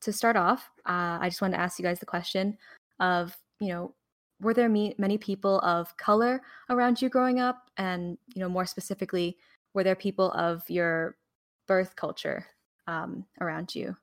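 A woman's voice: lowish voice, fairly even intonation, moderate pace, dry recording, studio quality. A young adult woman hosting a podcast, asking questions and offering short acknowledgments. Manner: warm prompts, short acknowledgments. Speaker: podcast host. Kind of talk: casual interview.

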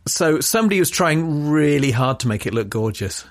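A man from England co-hosting a casual podcast chat, wry and quick to laugh. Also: on the high side, expressive, no room sound, studio quality. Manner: wry, chatty, laughs often. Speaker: podcast co-host.

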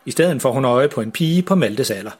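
A man narrating a children's story in an even, gentle way, with a husky voice. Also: mid-range voice.

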